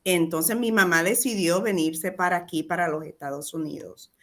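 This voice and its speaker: A woman from Rico speaks as an interview guest. She is a real estate businesswoman who talks in a relaxed, reflective way and slips English phrases into her Spanish. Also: lowish voice, normal speed. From Puerto Rico. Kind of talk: casual interview talk.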